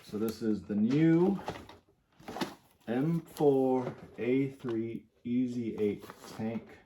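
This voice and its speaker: A man's voice: mid-range voice, drawn-out words, warm tone. A man giving casual, enthusiastic unboxing commentary as a toy collector, rambling a little with fillers and sounding slightly out of breath. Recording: clear background noise.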